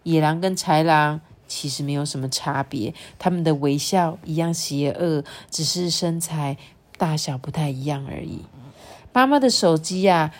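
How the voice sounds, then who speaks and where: Lower-voiced Taiwanese storytelling mom. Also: female voice. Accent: Taiwanese Mandarin. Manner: expressive, sweeping pitch for drama, often quizzes the child. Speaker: parent reading a picture book to her child. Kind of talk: storybook reading with chatty commentary.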